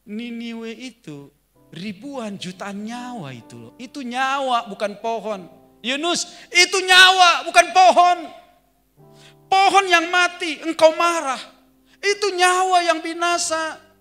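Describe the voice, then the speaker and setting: Preacher doing god as a patient fatherly voice, calm then pleading hard, faint music under. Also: a little high, measured pace, pauses often. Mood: impassioned. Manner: calm and teasing, growing urgent and impassioned.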